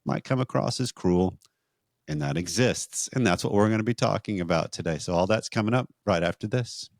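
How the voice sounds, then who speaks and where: Deep-voiced guy co-hosting a marriage podcast, slow explainer vibe, dry sound. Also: expressive, no echo. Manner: measured, explanatory, with restarts and rhetorical questions. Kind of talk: conversational teaching on a podcast.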